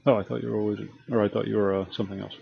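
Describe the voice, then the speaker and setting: Low gravelly man running the game. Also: level tone, racing, dull audio, slight background noise. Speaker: game master and stream host. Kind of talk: running an online tabletop game.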